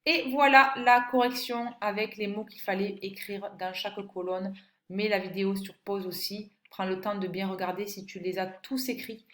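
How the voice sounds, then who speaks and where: A woman's voice: medium pitch, fairly even intonation, moderate pace, a bit bright, reverberant. A woman teaching a phonics lesson to a young child in a patient manner, speaking directly to the pupil and spelling out letters. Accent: French. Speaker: primary school teacher.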